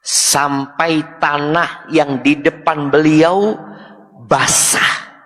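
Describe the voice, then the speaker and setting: A male preacher delivering a sermon at a slightly high pitch. He recites Arabic lines, explains them, and puts questions to the congregation. His voice rings with the long reverb of a large hall. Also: steady tone, extremely slow, fairly bright tone. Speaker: Islamic preacher.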